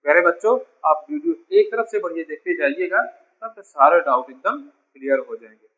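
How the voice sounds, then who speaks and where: A man's voice: sits high, expressive, normal speed, fairly bright tone, dull audio. A man teaching a beginner English lesson, patiently repeating each point and calling his students dear children. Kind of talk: classroom lesson explaining spelling.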